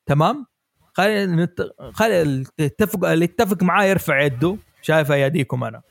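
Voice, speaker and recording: A man hosting a podcast, explaining ideas in a lively way and asking his guests for their views. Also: a little high, fast talker, vocal fry, dry recording, studio quality. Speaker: podcast host. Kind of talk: casual podcast discussion.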